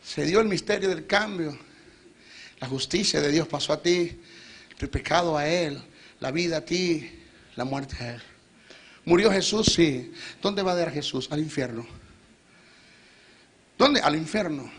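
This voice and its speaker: A middle-aged man with a Venezuelan accent preaches a fiery church sermon. His voice sits fairly high and rings bright and forceful. He pushes his points hard, firing questions at the congregation and swelling to loud peaks. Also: lively intonation, measured pace, long pauses, husky. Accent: Venezuelan Spanish. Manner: emphatic, rising to shouted peaks, asks the congregation questions.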